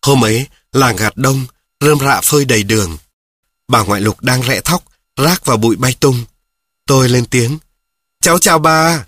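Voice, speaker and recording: Man, storybook narration, husky voice, dry close sound, steady pace. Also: mid-range voice, normal speed, no echo. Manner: steady, addresses listeners directly. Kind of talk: scripted narration of a children's story.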